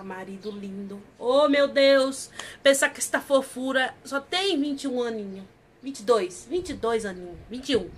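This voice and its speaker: A fairly high-voiced woman, talking effusively as she hosts a casual review. She recounts scenes and slips into the characters' lines. Faint noise hums under her voice. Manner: effusive, retells scenes acting out dialogue. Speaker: channel host reviewing series.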